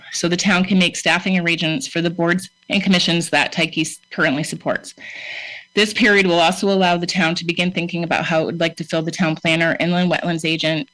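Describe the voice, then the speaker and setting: A town board official reading a formal letter aloud at a town meeting in a steady, formal way, with a few small stumbles. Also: medium pitch, poor audio. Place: town hall meeting room.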